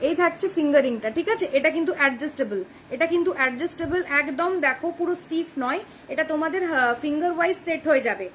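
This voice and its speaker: Fast-talking high-voiced young woman. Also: a bit bright, slight background noise. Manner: fast, chatty, keeps checking "ঠিক আছে?". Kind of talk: live-stream sales pitch. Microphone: phone camera.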